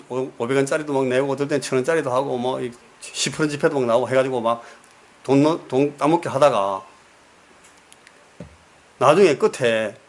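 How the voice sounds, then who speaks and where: A man preaching a sermon as pastor, telling stories and putting questions to the congregation, repeating words for emphasis. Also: mid-range voice. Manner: storytelling, asks the congregation questions.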